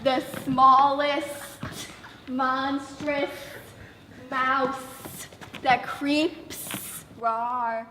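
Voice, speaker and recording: A woman's voice: level tone, slight background noise, exaggerated voice. A woman playing a roaring stage lion. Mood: comic, earnest. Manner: slow, booming roars. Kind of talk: live stage acting. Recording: echoey hall from far off, loud audience.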